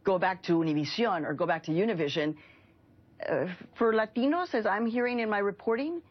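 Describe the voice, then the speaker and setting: A woman journalist from Mexico, raised in Chicago, speaking as a panel guest. Her voice sits at a middle pitch and her delivery is earnest and impassioned. The broadcast sound is a bit dull. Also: a little fast. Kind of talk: cable news panel discussion.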